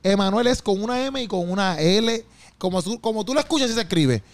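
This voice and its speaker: A man's voice: high voice, lively intonation, no room sound. A man with a Puerto Rican accent, co-hosting a podcast in casual, playful, teasing chat. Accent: Puerto Rican Spanish. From Puerto Rico. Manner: playful, teasing, quick to laugh. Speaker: podcast co-host.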